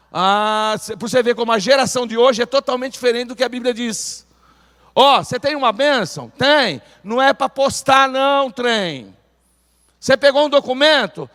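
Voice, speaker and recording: Animated preacher, high voice. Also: male voice. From Brazil. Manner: animated, calls on the congregation to repeat phrases. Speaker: pastor. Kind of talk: sermon. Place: church sanctuary. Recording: church hall reverb.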